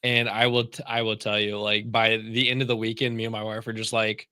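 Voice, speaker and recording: A man's voice: lowish voice, level tone, a little fast, bright, forceful tone, clear, resonant tone, no room sound, clean studio sound. A man chatting casually on a livestream, laughing as he tells a family story. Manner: laughs through his stories. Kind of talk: casual chat.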